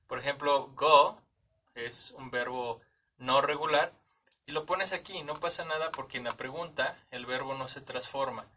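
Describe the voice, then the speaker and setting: A man's voice: mid-range voice, sharp tone, recorded from a distance, slight background noise. A man with a Mexican Spanish accent teaching English grammar in a conversational way, often checking in with his listener. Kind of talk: explaining grammar in a lesson.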